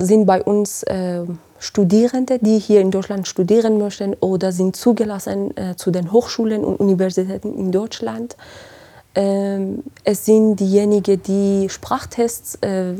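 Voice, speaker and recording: A woman from Iran who heads a language school answers podcast interview questions hesitantly, with many fillers. Her voice is medium in pitch with a dark tone.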